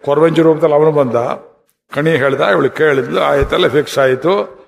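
Man giving a religious talk, chants verses, asks the crowd stuff, slightly high voice, big hall echo. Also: normal speed, creaky. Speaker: religious discourse speaker. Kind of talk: devotional storytelling discourse. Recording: reverberant hall.

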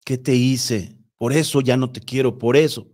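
A man's voice: medium pitch, fairly even intonation, normal speed, a little mellow, lightly acted. A man voicing an angry middle-aged husband who is hostile and accusing.

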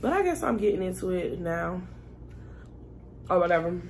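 A woman's voice: fairly low pitch, sing-song, normal speed, darkish tone, slight background noise. A woman chatting casually to her viewers while eating a meal. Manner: chatty and laid-back, talks while eating. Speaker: vlogger. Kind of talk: casual mukbang chat.

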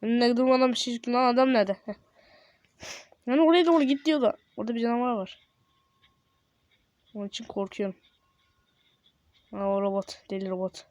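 Jumpy young gamer with a sore throat. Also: male voice, high voice, steady tone, normal speed, long pauses, no echo. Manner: jumpy, exclaims and yelps when startled. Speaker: gameplay video host. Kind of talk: casual gameplay commentary.

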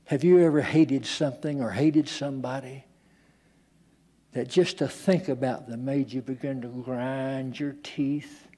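A man's voice: mid-range voice, steady tone, measured pace, dark tone. An older male pastor preaching a sermon in a church, dramatic and acting out the voices he quotes.

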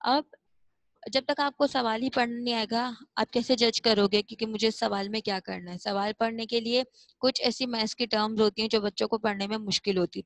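A woman teacher with a fairly high voice walks young pupils through a lesson. She drills each word slowly and repeats it again and again, recorded close and dry with no room sound. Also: no echo, poor audio. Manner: slow, repetitive, coaxing explanations. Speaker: school teacher. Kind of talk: classroom lesson.

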